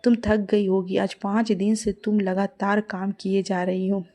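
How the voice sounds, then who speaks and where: A woman's voice: medium pitch, flat delivery, unhurried, mellow, natural voice. A woman voicing a kind, caring mother-in-law who speaks affectionately in a cartoon story.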